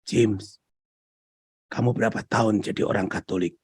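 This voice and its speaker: A preacher voicing Jesus as a gentle, patient divine man, speaking softly and in a hushed tone. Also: lowish voice, fairly even intonation, breathy edge, no room sound, pitched below the performer's own voice. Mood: tender. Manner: soft, hushed, slow.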